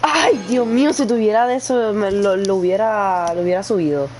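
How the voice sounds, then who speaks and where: A woman's voice: medium pitch, normal speed, darkish tone, slight background noise. A woman making a gameplay reaction video, emotional and crying out over and over. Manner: emotional, exclaims and wails repeatedly. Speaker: gaming video creator.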